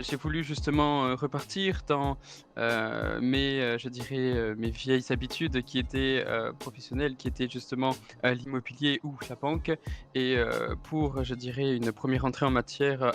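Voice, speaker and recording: A 33-year-old German man with a mid-range, slightly bright, natural voice plays a suave real estate agent who loves parties. He talks at a normal speed in a steady tone, formal yet hesitant, with a German accent, plenty of fillers and German interjections, and comes across as chatty and courteous. Soft music plays in the background.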